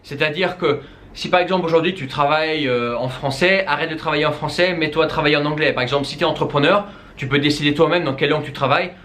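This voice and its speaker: A man's voice: fairly high pitch, fast, a bit bright. A man from the Netherlands with Dutch as his first language, giving informal language-learning tips straight to the viewer, with many fillers and restarts. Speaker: language coach. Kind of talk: casual spoken tips to camera.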